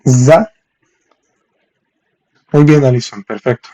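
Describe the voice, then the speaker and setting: A man teaching French in on a live stream, reading viewers' comments and saying French examples slowly. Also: mid-range voice, mellow. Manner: reads viewers' chat, thanks them for gifts, spells French slowly. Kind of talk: live-streamed language lesson.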